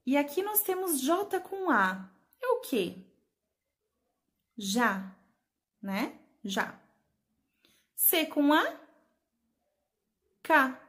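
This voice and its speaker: Slow, patient woman teaching small children. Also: high voice, sing-song, a bit bright. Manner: patient, spells out letters and syllables. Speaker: preschool teacher. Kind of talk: slow remote lesson for young children.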